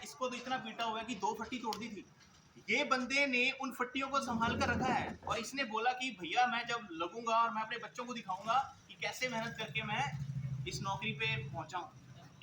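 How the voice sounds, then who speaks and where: In an echoey school event hall with noisy ambience, a male coaching teacher speaks to an audience of students. He tells stories and addresses them directly in an earnest motivational speech, his high-pitched voice holding a steady tone at a normal speed.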